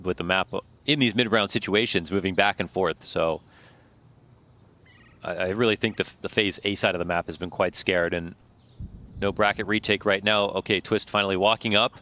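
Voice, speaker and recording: A man's voice: deep voice, steady tone, moderate pace, pushed and bright. A man giving analytical esports commentary in a conversational tone as the co-caster.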